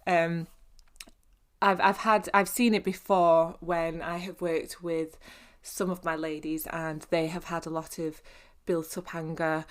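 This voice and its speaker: A woman speaks in a fairly low voice, as a fitness coach explaining things to her listeners. She talks in a relaxed, conversational way, encouraging and informal, often pausing on fillers and starting her sentences again. It is a podcast monologue with a chatty, down-to-earth feel.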